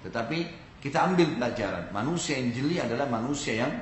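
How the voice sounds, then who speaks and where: A man's voice: medium pitch, expressive, fast talker, roomy sound, slight background noise, poor audio. A man from Indonesia giving an Islamic sermon, telling a story and speaking directly to his audience. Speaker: preacher.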